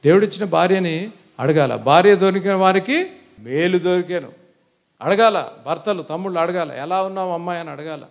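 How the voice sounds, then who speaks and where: A male pastor preaching an animated sermon, often mixing in English phrases and speaking directly to the congregation. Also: sits high, moderate pace, gravelly.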